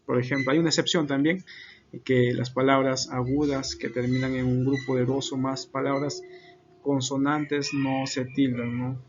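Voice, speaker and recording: A man's voice: medium pitch, level tone, normal speed, highs cut off, a little hiss or hum. A man giving an unscripted class presentation, hesitant, with many fillers and self-corrections. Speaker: student presenter.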